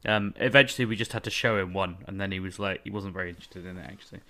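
A man's voice: low voice, fairly even intonation, racing, pushed and bright. A man with a British accent hosting a podcast in casual, chatty style. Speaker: podcast host, journalist.

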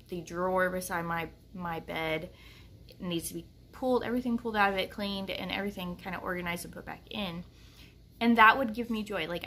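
A woman's voice: mid-range voice, pushed and bright, slight background noise. A woman in her thirties chatting casually to the camera from her home kitchen, rambling with many fillers. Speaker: vlogger.

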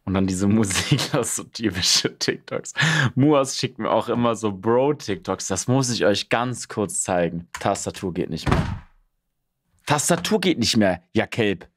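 A young man streaming, casually reacting to videos and breaking into high shrieking outbursts. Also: lively intonation, a little slow, slight background noise. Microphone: studio mic on arm, headphones.

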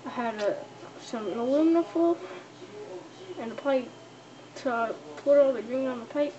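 A young woman speaking through a costume head, showing off her homemade fursuit in a halting, casual vlog full of restarts and fillers. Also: high voice, muffled recording. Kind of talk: casual show-and-tell vlog. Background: televised baseball game crowd noise.

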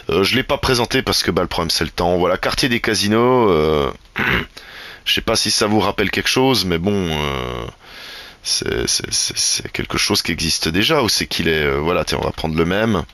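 A man's voice: low-pitched, pushed and bright, dry recording. A man rambling through a tour of his game build, with sarcastic asides. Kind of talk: casual gameplay commentary.

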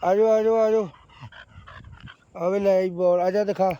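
Slow, high-voiced man coaxing his dog. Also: steady tone, warm tone, muffled recording, slight background noise. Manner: coaxing, repeats short commands to the dog. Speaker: dog owner showing his pet. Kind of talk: casual home video talking to a dog.

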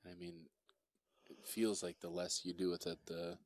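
A man giving relaxed, chatty commentary on a pool match, reading out viewer comments as he goes. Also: deep voice, normal speed, dry recording, clean studio sound. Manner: easygoing, chatty, reads viewer chat aloud. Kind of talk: relaxed live play-by-play commentary.

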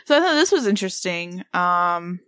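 A woman in her thirties co-hosting a casual podcast, rambling and excitable, with lots of fillers. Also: on the low side, moderate pace, no echo. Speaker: podcast co-host.

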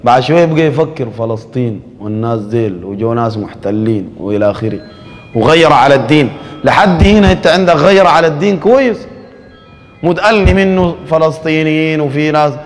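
A man's voice: on the high side, quick pace, long reverb tail, soft background music. A man with a Sudanese Arabic accent giving a sermon in a conversational preaching style, acting out quoted dialogue.

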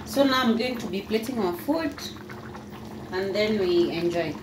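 A woman with a Kenyan accent narrating a home cooking video step by step in a relaxed, casual way, recorded in her kitchen. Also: mid-range voice, measured pace. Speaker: cooking vlogger. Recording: echoey kitchen with background noise.

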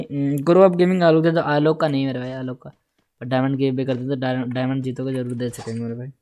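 Excitable man streaming his gameplay live. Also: mid-range voice. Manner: excitable, repeats words in rapid bursts, hums la-la while playing; talks directly to viewers, asking for follows and shares. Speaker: gaming livestreamer.

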